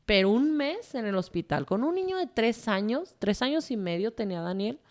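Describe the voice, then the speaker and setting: A woman's voice: on the high side, big pitch swings, normal speed. A woman with a Mexican accent, a guest telling her personal story in a candid, emotional way, swearing freely and rambling with fillers. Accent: Mexican Spanish.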